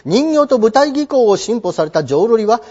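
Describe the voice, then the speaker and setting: A man with a very high voice gives a textbook lesson, his pitch leaping all over as he poses questions and answers them himself. The sound is dull and lo-fi. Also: big pitch swings, dark tone. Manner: acts out quick imagined exchanges with questions and answers. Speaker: teacher. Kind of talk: textbook lecture.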